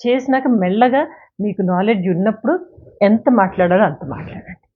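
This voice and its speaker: A woman's voice: mid-range voice, brisk, slightly rough. Woman giving life advice, tinny sound. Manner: counsels listeners directly, with examples, mixing in English phrases. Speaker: self-help speaker. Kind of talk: motivational talk. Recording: tinny phone-like sound, faint music.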